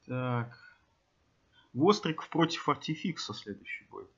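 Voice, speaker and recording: A man's voice: mid-range voice, animated, a little slow. A man giving casual, sweary gaming chat and commentary as a streamer. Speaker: gaming streamer calling matches. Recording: dull lo-fi sound, faint noise.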